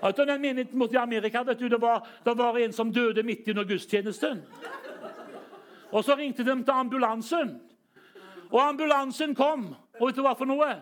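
High-voiced preacher. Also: male voice. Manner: storytelling that swings up into shouted hallelujahs, chuckles. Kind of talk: charismatic sermon.

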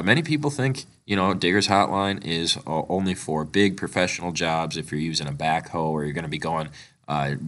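A male podcast host fighting a chest cold, talking a bit monotone with lots of fillers as he reads a sponsor spot. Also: deep voice. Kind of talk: sponsor read and interview.

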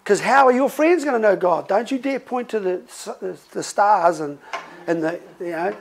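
A man's voice: high-pitched, normal speed, gravelly, a little hiss or hum, rough recording. A middle-aged male pastor preaching in a conversational, storytelling way. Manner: conversational, animated storytelling with laughs. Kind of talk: sermon.

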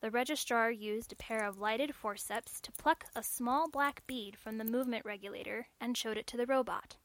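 A woman narrating a story in a measured, clear storytelling manner. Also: a little high, dry recording.

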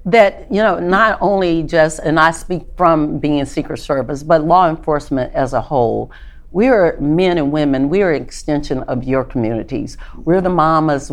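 A retired woman law enforcement agent with a Tennessee Southern accent, telling her story in an interview with confident, upbeat emphasis. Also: deep voice. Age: older. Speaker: retired Secret Service agent, guest.

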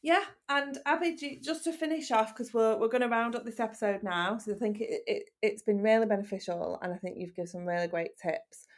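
A woman hosting a casual podcast, gently encouraging children with long, leading questions. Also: on the high side, brisk, hardly any pauses. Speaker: host interviewing children.

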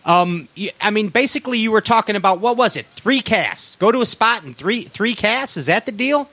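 A man hosting a fishing show in a casual, slangy, excitable and joking way. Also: sits high, normal speed, dry recording. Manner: excitable, jokey, says dude often.

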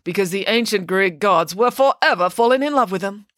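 A woman's voice: medium pitch, lively intonation, brisk, a bit bright, no room sound, clean studio sound, pitched above the performer's own voice, close to an everyday voice. A woman voicing a grand, vain, cake-loving female pig nanny who boasts in a theatrical way. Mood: grandly boastful.

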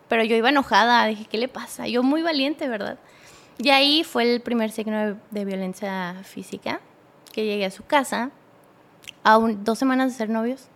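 Young Mexican woman, podcast guest, raspy-edged voice on the high side, halting, casual storyteller. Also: fairly bright tone. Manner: halting, with many restarts and acted-out quotes.

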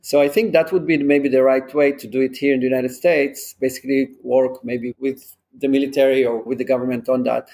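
A man's voice: mid-range voice, level tone, fairly quick, mellow. Man explaining in an interview. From Israel. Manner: earnest, practical, explains with examples. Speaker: drone company founder. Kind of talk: conversational interview answers.

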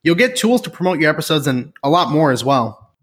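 Husky guy on a podcast, pretty high and lively, keeps restarting his line. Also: fairly quick. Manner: restarts and repeats his lines. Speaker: podcast co-host. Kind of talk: casual podcast chat.

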